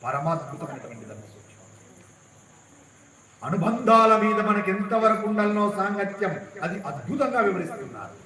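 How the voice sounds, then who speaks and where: A man's voice: high-pitched, big pitch swings, normal speed, echoey room, poor audio. A man giving an impassioned devotional sermon, repeating rhetorical questions. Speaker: religious discourse speaker.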